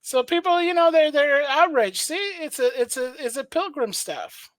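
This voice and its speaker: A woman's voice: high-pitched, lively intonation, moderate pace, dry recording. A woman from South America, co-hosting a casual debate and defending her view eagerly with many restarts.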